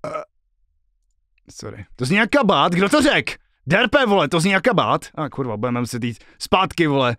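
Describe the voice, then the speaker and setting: A man's voice: on the high side, sing-song, no echo, clean studio sound. A male streamer at home, chatting casually and joking with a lot of swearing while he works out a song. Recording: loud guitar music behind the voice.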